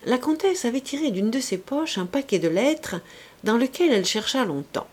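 Expressive woman narrating a classic novel. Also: on the high side. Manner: expressive, measured reading. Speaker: audiobook reader. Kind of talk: literary audiobook narration.

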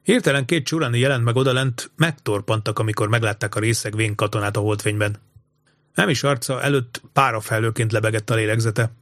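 A man narrating an audiobook story in an even, measured way. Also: lowish voice, no echo, clean studio sound.

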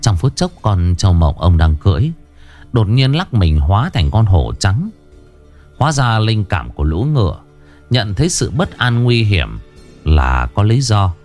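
A man narrating a historical folk tale in a steady, expressive storytelling voice. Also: lowish voice, unhurried, soft background music.

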